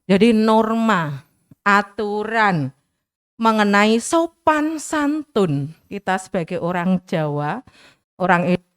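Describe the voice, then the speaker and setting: A woman's voice: medium pitch, expressive, slow, long pauses, clean tone, dry recording, studio quality. Chatty Javanese woman teacher. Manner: chatty, mixes in local dialect, acts out examples. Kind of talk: school orientation talk. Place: school hall.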